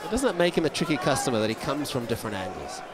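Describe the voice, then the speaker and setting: A man's voice: medium pitch, big pitch swings, racing, over a noisy crowd, very noisy. A man presenting and commentating on a sports broadcast, with scripted sponsor reads. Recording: loud music behind the voice. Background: loud music.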